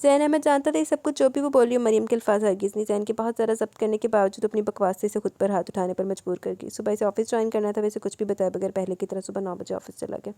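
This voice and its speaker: A woman's voice: mid-range voice, steady tone, few pauses, mellow, no room sound. A woman reading a romance novel aloud with emotive storytelling. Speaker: novel reader. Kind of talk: scripted novel narration.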